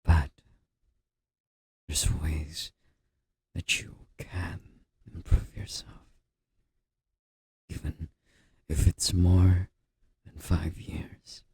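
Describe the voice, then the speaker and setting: Husky low man, whispered boyfriend role-play. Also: level tone, no echo. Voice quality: husky, gravelly. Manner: soft, breathy, intimate murmur drifting into whisper; slow, gently reassuring boyfriend-style comforting. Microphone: close microphone.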